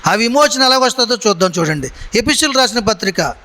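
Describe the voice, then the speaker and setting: A man's voice: very high voice, lively intonation, a little fast, pushed and bright. A man preaching a sermon to a congregation in a church, asking them questions and calling for their answers. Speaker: pastor. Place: church hall. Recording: long hall reverb.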